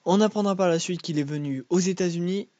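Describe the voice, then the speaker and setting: A man's voice: high voice, fast, mellow, dry recording, muffled recording. A young man hosting a comic film review video, irreverent and crude in his jokes.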